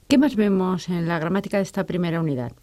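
A woman's voice: lowish voice, quick pace, darkish tone. A woman presenting a language lesson, moving it along with brief guiding questions.

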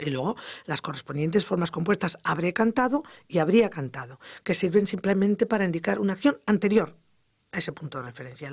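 A grammar teacher giving an educational radio lesson, explaining lively and acting out example sentences. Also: mid-range voice, no echo, clean studio sound.

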